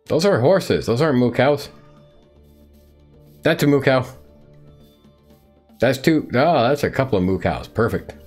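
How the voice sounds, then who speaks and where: A man's voice: medium pitch, lively intonation, measured pace, long pauses, darkish tone, faint music behind. Playful male gaming streamer. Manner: talks to the game animals, playful. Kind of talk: live gameplay commentary.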